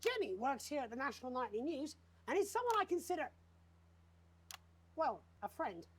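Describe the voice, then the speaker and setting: High-voiced, unhinged British news anchor. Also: male voice, very animated, normal speed, a bit bright, exaggerated voice. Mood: sardonic. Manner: theatrical, sweary, commanding, sardonic. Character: unhinged, bitter male TV news anchor holding studio hostage. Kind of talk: dramatic live-broadcast acting.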